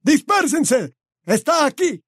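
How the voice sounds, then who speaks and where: A shrill shouting Death Eater. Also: male voice, big pitch swings, slow, no room sound, clean studio sound, exaggerated voice. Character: shouting male Death Eater henchman, brutal.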